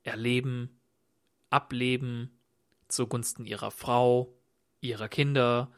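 A man voicing a clumsy, pushy insurance agent with smooth sales patter. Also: mid-range voice, flat delivery, slow pace. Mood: salesman patter.

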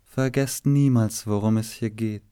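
A man voicing a calm woman seer with a velvety voice, speaking slowly and evenly. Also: on the low side, clear, resonant tone, dry recording, clean studio sound, natural voice. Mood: calm, foreboding. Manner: slow, calm and measured.

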